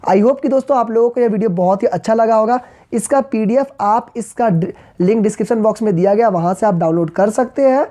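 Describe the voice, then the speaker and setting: A woman teacher explaining poetry and grammar in an online lesson, calling her viewers friends and reading verses slowly. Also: on the high side, warm tone.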